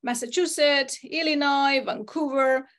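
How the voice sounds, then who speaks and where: A woman's voice: high-pitched, fairly even intonation, unhurried, fairly bright tone. A woman hosts a casual group video call, reading out names and places with many fillers. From Italy. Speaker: host.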